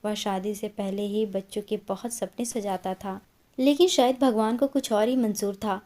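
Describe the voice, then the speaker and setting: A woman's voice: mid-range voice, steady tone, moderate pace, warm tone, lightly acted. A woman voicing a kind older father-in-law who consoles his daughter-in-law in a spoken story. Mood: consoling.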